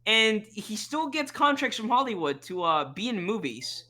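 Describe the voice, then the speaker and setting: High, lively, bright-voiced man. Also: normal speed. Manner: rambling, profane, many fillers and restarts. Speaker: podcast co-host. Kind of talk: casual chat.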